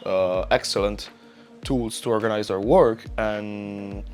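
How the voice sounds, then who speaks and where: Computer scientist, fairly low. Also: male voice, fairly even intonation, slow pace, faint music behind. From Italy.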